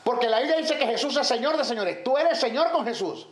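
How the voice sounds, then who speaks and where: A man's voice: very high-pitched, lively intonation, fairly quick. A man teaching theology as a Bible teacher, firing rhetorical questions and listing terms emphatically. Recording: echoey room, faint background noise.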